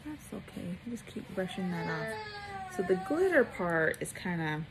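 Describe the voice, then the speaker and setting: A woman doing a casual makeup tutorial vlog, chatting in a relaxed way while she applies makeup. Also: mid-range voice, a little slow, noisy background. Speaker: makeup vlogger.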